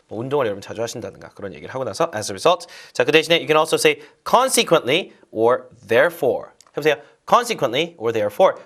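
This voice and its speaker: A man lecturing as an English speaking test instructor, animated and repeating phrases for drills. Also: fairly high pitch.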